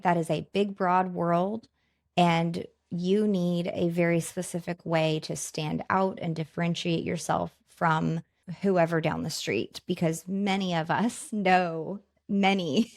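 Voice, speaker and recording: A woman's voice: fairly low pitch, vocal fry, dry recording, clean studio sound. A woman hosting a podcast, asking questions in a casual, enthusiastic, affirming way. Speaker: podcast host. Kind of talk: casual interview.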